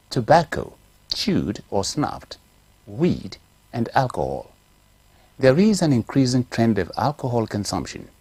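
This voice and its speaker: Male documentary narrator, husky tone, lively emphatic read, dry close voice-over. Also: lowish voice, no room sound. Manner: lively, emphatic reading of lists. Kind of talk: scripted narration.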